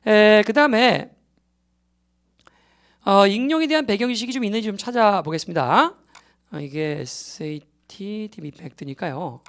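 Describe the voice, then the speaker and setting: A man's voice: high voice, lively intonation, normal speed, long pauses, fairly bright tone. A man giving a recorded exam-prep English lecture. He explains step by step, keeps checking that students follow, and drops English terms into his Korean.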